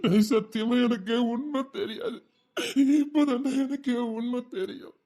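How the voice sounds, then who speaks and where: A man's voice: very high-pitched, a little slow, warm tone. An actor with a Tirunelveli accent playing a grieving retired soldier who cries and pleads for forgiveness from his dead friend. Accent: Tirunelveli Tamil. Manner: sobbing, pleading apologies. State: crying. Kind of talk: web series drama acting.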